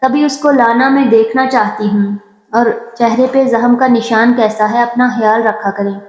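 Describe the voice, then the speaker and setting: Woman reading a gentle, pleading young sister, soft tone, fairly high, echoey reverb. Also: steady tone, lightly acted. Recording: roomy with long reverb.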